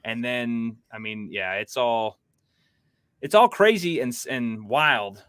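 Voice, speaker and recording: A man's voice: mid-range voice, expressive, takes it slowly, fairly bright tone, clear, resonant tone, no echo, clean studio sound. A man hosting a casual podcast livestream, rambling through news and reading chat comments aloud. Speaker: podcast host.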